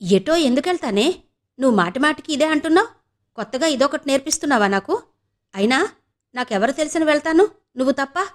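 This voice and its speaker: A woman voicing a sulky, sharp-tongued young woman who complains sarcastically in an audio novel. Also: high-pitched, big pitch swings, fairly quick, long pauses, pitched above the performer's own voice. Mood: sarcastic.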